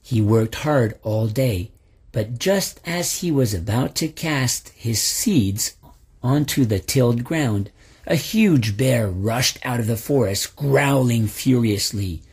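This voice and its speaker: A man narrating a folk tale in a slow, expressive storybook reading. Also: medium pitch, breathy edge.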